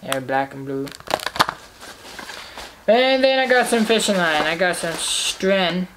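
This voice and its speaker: A young man casually showing off fishing tackle he bought, talking in a halting, rambling way with lots of fillers, recorded at home in his living room. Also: high-pitched, expressive, background noise. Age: young adult. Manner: rambling, halting, repeats himself with many fillers. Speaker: fishing vlogger. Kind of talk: casual tackle haul show-and-tell.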